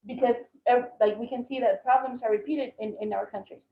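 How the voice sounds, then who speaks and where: A woman's voice: fairly high pitch, steady tone, fairly quick. A woman interpreting live on a video call, hesitant with fillers and restarts, heard over a bad internet connection. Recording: muffled, echoey video call audio.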